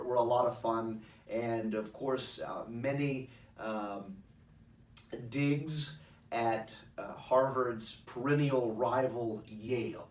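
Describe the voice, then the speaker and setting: Male, middle-aged. Informal explanatory speaker, articulate and halting, mid-range pitch, recorded with echo at some distance. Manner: measured, articulate, halting with pauses. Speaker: speaker introducing a recording of his own past oration. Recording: roomy echo, distant microphone.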